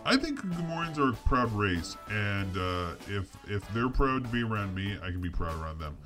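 A man playing a boastful, drunken alien starship captain, rambling and halting in improvised comedy. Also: on the low side, sing-song, over music. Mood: defensive, boastful. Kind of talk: improvised comedy role-play.

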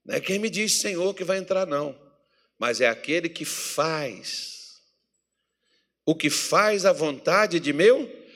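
Fervent Brazilian preacher with a bright voice. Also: male voice, lively intonation, slow pace, pauses often. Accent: Brazilian Portuguese. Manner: fervent, swings from loud exhortation to low intimate tones. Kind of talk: sermon.

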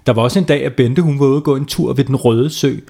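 A man's voice: mid-range voice, vocal fry, dark tone. A man hosting and narrating a playful bedtime story for children, chatting with young listeners. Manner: playful, talks with kids listening. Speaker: storyteller, host.

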